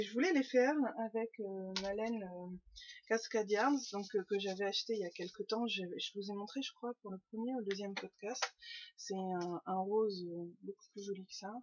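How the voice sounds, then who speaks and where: A woman's voice: medium pitch, breathy edge, muffled recording. A woman hosting a knitting podcast, chatting casually to her webcam at home, rambling with lots of fillers and restarts. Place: home room.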